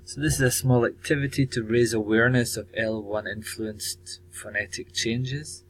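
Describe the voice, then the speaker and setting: A man teacher presenting his language course tasks, measured and pausing often with ums. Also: medium pitch, steady tone, poor audio. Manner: measured, with frequent ums and pauses. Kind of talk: recorded presentation.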